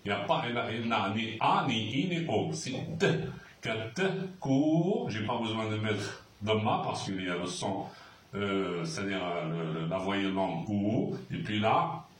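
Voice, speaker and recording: Patient male teacher, slow and lively in pitch, recorded at a distance in an echoey room. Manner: patient, repeats words, many hesitations. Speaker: Arabic teacher. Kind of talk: slow handwriting lesson. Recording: roomy, far from the mic, faint hiss.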